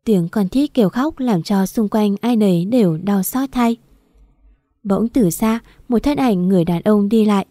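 A woman narrating an audiobook story, steady and even. Her tone is warm and mellow. The recording is dry and close. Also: medium pitch, no echo.

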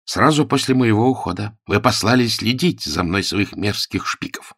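A man voicing an angry young gentleman who speaks in a deep, stern voice. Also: moderate pace, vocal fry, breathy edge, no echo, studio quality, full character voice. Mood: threatening.

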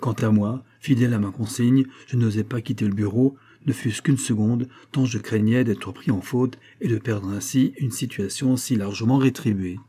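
A man's voice: mid-range voice, fairly even intonation, moderate pace, few pauses, warm tone, husky, lightly acted. A man reading an audiobook, voicing an indignant middle-aged red-haired pawnbroker telling his story. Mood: aggrieved.

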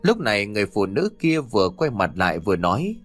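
A man narrating a ghost story in an expressive, dramatic way. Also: lowish voice, fast, soft background music.

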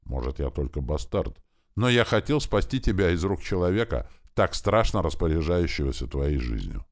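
A man's voice: low-pitched, sing-song, normal speed. A man voicing a frightened young male rebel leader who whines and begs. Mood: plaintive. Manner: whining, begging, panicky.

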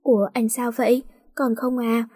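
Brief: a pouty young wife in a storybook, slightly high and breathy, voiced by a woman narrator. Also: level tone, moderate pace, warm tone, no echo, studio quality. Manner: pouty, curt replies. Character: young wife, teasing and sulky.

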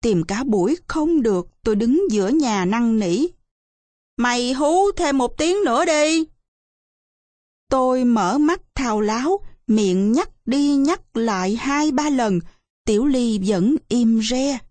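A woman with a fairly high voice narrates a storybook in a measured, expressive way. The recording is dry and close, with no room sound. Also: no echo. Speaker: audiobook narrator.

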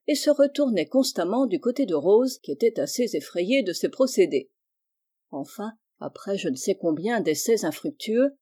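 A woman reading a classic children's novel aloud in a calm, even storytelling manner. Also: mid-range voice. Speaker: audiobook reader. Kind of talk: storybook narration.

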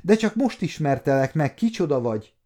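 A man voicing a loud, scolding woman cook who turns flustered. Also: a little high, sing-song, pitched above the performer's own voice. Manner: loud and sharp, then flustered.

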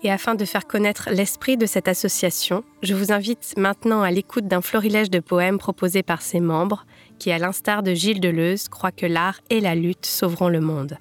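A woman hosting a podcast, introducing an association and then reading poems aloud in a measured, expressive way. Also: medium pitch, faint music behind. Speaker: podcast host.

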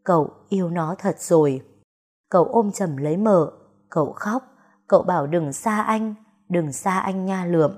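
A woman's voice: on the low side, moderate pace, a little mellow. A woman storyteller narrating a melodramatic story in an emotive manner.

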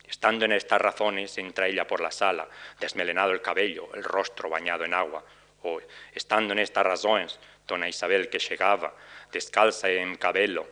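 A middle-aged man giving an academic lecture, reading out quoted ballad verses in a slower, measured cadence. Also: lowish voice, pushed and bright. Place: lecture hall.

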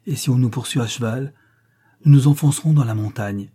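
A man reading a storybook, voicing a bold, spirited young girl who talks in a quick, determined way. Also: medium pitch, mellow, slightly rough, natural voice.

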